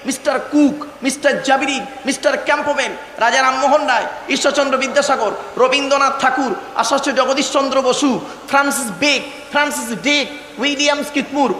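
A man with a very high, bright, ringing voice preaches a waz sermon over a PA, rattling off rhythmic lists and stretching key phrases slowly for weight. His voice bounces around a roomy hall with a long reverb tail, and a faint hum of ambience sits behind him. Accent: Bengali. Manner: calls out to the crowd, rhythmic lists, drawn-out emphatic phrases.

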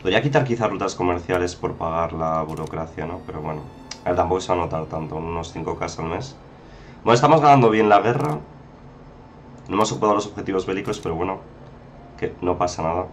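Deep-voiced Spanish man narrating gameplay. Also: fast, a little hiss or hum. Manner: chatty, exclaims often, addresses viewers as "chicos". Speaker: gameplay commentator. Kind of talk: casual strategy game commentary.

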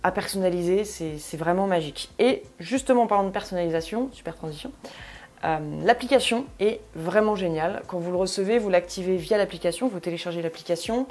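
A woman's voice: lowish voice, fast talker, hardly any pauses, a little mellow. A young woman hosting a casual tech demo, chatty and full of fillers as she shows how a device works. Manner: chatty, many fillers, demonstrates while talking. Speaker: tech video host.

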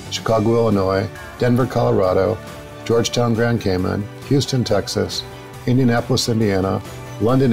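A man hosting a podcast, reading his intro in a measured, announcer-like way and asking interview questions. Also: fairly low pitch, creaky, a little mellow, low-quality recording. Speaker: podcast host.

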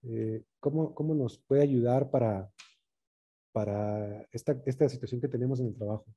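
Husky, dark-voiced man teaching. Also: mid-range voice, steady tone, normal speed, dull audio. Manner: checks in with tag questions like "right?". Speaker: workshop trainer on communication. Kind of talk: conversational workshop talk.

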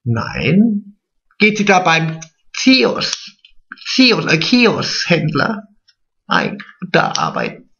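A man's voice: sits high, huge pitch swings, drawn-out words, creaky, a bit bright, dull audio, heavily acted. A man playing a vain, chatty, naive middle-aged woman in a drag comedy monologue, stretching his words. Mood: gossipy.

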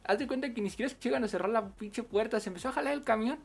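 A man with a Mexican accent chatting casually on a game livestream, full of slang and quick laughs. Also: very high voice, creaky, slightly rough. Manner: slangy, laughs often while storytelling. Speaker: game streamer.

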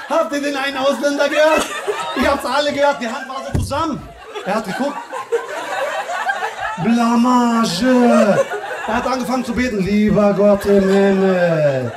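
A male stand-up comedian doing teasing, loud crowd work in a live club, with a slang manner. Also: sits high. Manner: teasing, loud, fast banter with slang fillers. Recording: live room with crowd laughter. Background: audience laughter.

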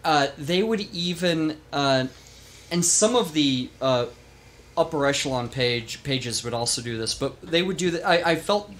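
A man hosting a casual history podcast, telling the story with animated emphasis and the odd swear word. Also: a little high, measured pace. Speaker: podcast host.

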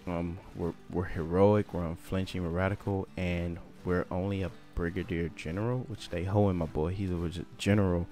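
A man giving casual gameplay commentary in laid-back slang, getting loud and hyped at times. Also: deep voice, fairly even intonation, moderate pace, hardly any pauses, soft background music.

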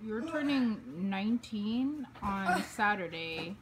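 A woman's voice: mid-range voice, lively intonation, slow, background noise. A young woman joking and teasing her friend in casual chat.

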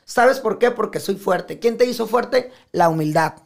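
A man with a Mexican accent talking as a podcast guest in casual conversation, animated and profane, often acting out what others say. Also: high-pitched, normal speed, vocal fry. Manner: animated, profane, acts out quoted speech.

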